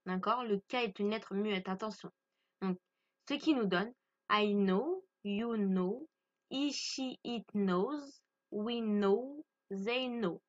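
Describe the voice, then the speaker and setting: A woman's voice: medium pitch, takes it slowly, lo-fi sound. A woman whose first language is French, patiently teaching a beginner English lesson and often checking that her listeners follow. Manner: patient, repeats key points and checks "d'accord?".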